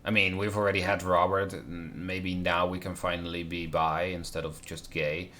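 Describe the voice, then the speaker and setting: His low voice comes across pushed and bright, yet the delivery stays flat at a moderate pace as he co-reads a visual novel for the stream. Faint noise accompanies his wry asides on the script.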